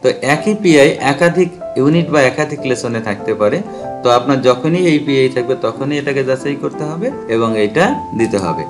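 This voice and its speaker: A man teaching step by step in a screen-recorded tutorial, slowing down to read English phrases aloud. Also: mid-range voice, expressive, music in the background. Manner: patient step-by-step explaining, reads English phrases out slowly. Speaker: teacher explaining a spreadsheet.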